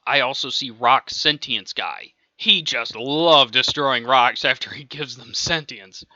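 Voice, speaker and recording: A man's voice: medium pitch, a little slow, sharp tone, no echo. A man casually narrating his own improvised audiobook story, rambling and chuckling as he goes, on a dull lo-fi recording. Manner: rambling, chuckling between lines. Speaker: amateur audiobook reader. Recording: dull lo-fi dry home recording.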